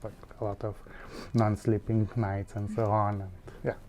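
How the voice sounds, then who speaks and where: A man with a Lithuanian accent, a shop owner, talking in a halting way with many fillers. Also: on the low side, level tone, a little mellow, slight background noise. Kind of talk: documentary interview.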